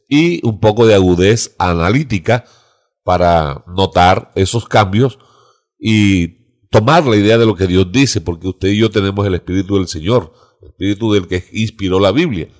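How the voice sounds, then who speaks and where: A man's voice: lowish voice, normal speed. A man discussing scripture in a reflective, devout teaching tone on a church discussion show. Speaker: pastor. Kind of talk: Bible study discussion.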